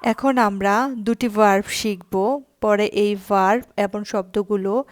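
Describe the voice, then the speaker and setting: A woman teaching a language lesson, explaining each word and then saying the example phrases very slowly and clearly. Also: medium pitch, fairly even intonation, dry recording, studio quality. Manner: spells out foreign words slowly, then repeats them.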